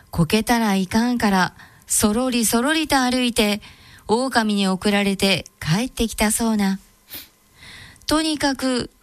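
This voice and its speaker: A woman narrates an old folk tale in a Tango Kyoto dialect, steady and measured. Her voice sits a little high. The sound is close and dry. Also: dry recording. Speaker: storyteller and co-host.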